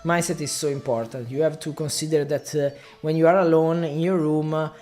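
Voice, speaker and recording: Faint music plays behind a man from Italy who explains his media-buying work in digital marketing, speaking casually to camera in non-native English with an Italian accent and repeatedly restarting. His voice is a little high, fairly even, a little fast and darkish.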